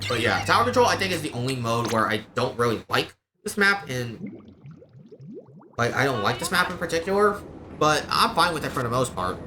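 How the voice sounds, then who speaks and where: Speaking briskly in a mid-range voice with big pitch swings, a man streams a game and comments live without a script, wandering between opinions and explanations as he goes. Background noise is clearly audible.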